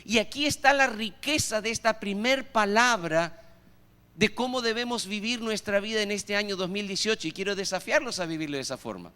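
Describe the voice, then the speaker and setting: A pastor with an Argentine Spanish accent preaches a sermon in a reverberant church hall, frequently asking the congregation rhetorical questions. His voice is high, brisk and sharp, with a clean tone.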